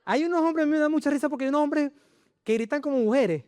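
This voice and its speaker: A man preaching a sermon in church, animated and full of rhetorical questions to the congregation. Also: very high-pitched, fast, no echo, clean studio sound. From Chile. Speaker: pastor.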